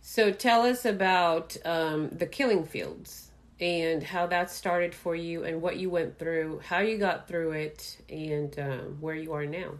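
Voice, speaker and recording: A woman's voice: on the low side, slow, few pauses. A woman hosting an interview show, welcoming her guest with effusive praise and encouraging her with short murmurs. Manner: upbeat, effusive introductions with frequent back-channel murmurs. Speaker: host. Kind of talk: interview host.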